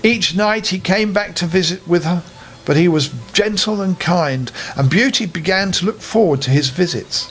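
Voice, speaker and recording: Reading a fairy tale aloud for kids, an older storyteller performs it expressively and animatedly, dropping in friendly asides to the young audience. He has a high voice and speaks at normal speed.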